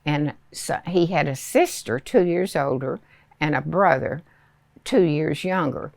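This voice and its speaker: A very old woman in her nineties with a Southern US accent, reminiscing in a hesitant, unhurried storytelling way with many pauses. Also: low-pitched, expressive, vocal fry, darkish tone, dry recording. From rural Arkansas, United States. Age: 90s, very old. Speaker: elderly interviewee recalling childhood. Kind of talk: reminiscing oral history.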